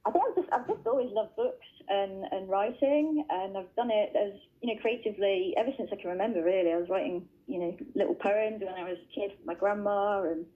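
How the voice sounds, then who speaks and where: Speaking a little fast with few pauses, a woman children's author chats as a radio guest from home over a remote line into the studio. Her medium-pitched voice sounds narrow and tinny, and her casual interview answers are full of fillers and restarts.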